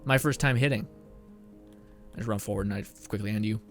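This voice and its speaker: A man's voice: on the low side, brisk, soft background music. A young man streaming a game, chatting casually, laughing often and reading chat messages aloud. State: out of breath at times. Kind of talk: casual live-stream commentary.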